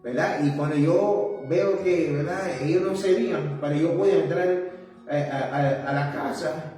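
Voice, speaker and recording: A man, speaking a little high for a man, shares his testimony in a halting, earnest way. The mic sits well away from him in a strongly reverberant room. Soft music plays in the background. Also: distant mic. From Puerto Rico. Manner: halting and earnest, with frequent tag questions. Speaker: evangelist giving his testimony. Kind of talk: personal testimony in an interview.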